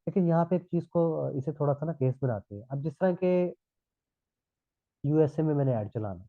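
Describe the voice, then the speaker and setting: A Pakistani man with a sore throat teaches a live online class, explaining as he goes and checking on his students with repeated "thik hai." His slightly high voice moves at a normal speed, and the dry recording sounds tinny, like a phone line.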